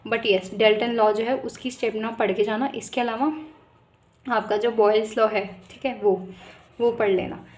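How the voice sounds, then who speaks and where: Brisk young woman tutoring exam topics. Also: a little high, steady tone. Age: young adult. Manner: brisk, repeats "ठीक है" often, direct to viewers. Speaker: medical student tutor. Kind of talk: casual exam-prep lesson.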